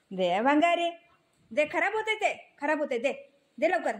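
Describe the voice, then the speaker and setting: High-voiced woman scolding her dog. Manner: coaxing and scolding, repeating short commands. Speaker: pet owner.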